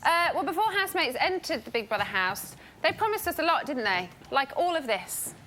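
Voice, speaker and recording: A woman's voice: sits high, sing-song, brisk, noisy background. A woman hosting a TV panel chat, chatty and teasing, laughing often. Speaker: host.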